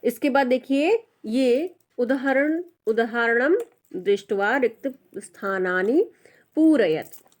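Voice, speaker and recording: A woman teaching a textbook lesson in a slow, measured way. Her voice sits a bit high, and she says each word aloud before she explains it. Patient and steady, like a tutor going step by step.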